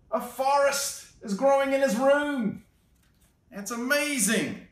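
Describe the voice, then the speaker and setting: A man sits in an armchair in an indoor room and reads a picture book to children, slow and expressive, his voice fairly high and playful. He breaks between pages for cheerful remarks and light laughter, and the tripod-mounted camera a few feet away gives the audio a roomy, somewhat distant quality.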